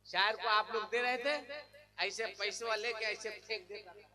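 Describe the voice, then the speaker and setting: A man's voice: high-pitched, fairly even intonation, normal speed. A man preaching a religious sermon at a large gathering. He sings verses in a ringing chant and then drops into joking asides. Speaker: qari and preacher. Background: crowd.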